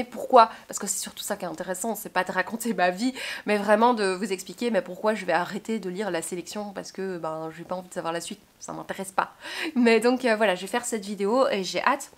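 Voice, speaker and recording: A woman's voice: mid-range voice, a bit bright. A young woman from Belgium, chatting casually about her book haul, hesitant with many fillers and restarts. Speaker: book vlogger.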